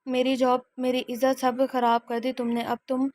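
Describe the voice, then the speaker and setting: Brief: woman narrator doing a menacing, vengeful villain from an audio novel, flat delivery. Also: sits high, no echo, lightly acted. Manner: menacing, harsh. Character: man, ruthless lecherous vengeful boss.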